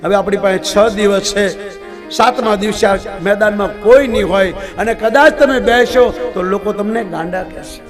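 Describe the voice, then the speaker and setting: High-voiced preacher over devotional music. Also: male voice, normal speed. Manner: fatherly, exhorting, calls listeners "my dear father". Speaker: temple mahant, scripture-story preacher. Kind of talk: live devotional scripture-story sermon. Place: open ground at a live religious gathering. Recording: devotional music playing under the voice.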